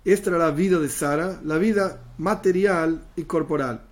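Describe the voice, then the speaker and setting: Speaking at a normal speed in a fairly high voice, this man teaches Torah. He explains each Hebrew term by repeating it and then giving a plain-language gloss in Spanish.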